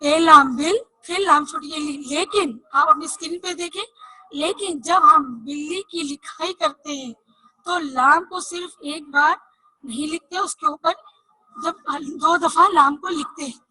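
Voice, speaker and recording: Bright, high-voiced woman teaching children. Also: dry recording, low-quality recording. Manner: spells letters slowly, asks and answers own questions. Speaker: Urdu teacher. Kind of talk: online reading lesson for children.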